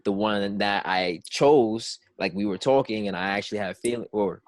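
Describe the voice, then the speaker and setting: Halting, frank young man, dry sound. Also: on the low side, dry recording. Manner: halting and frank, full of restarts and fillers. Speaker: podcast co-host. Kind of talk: casual chat.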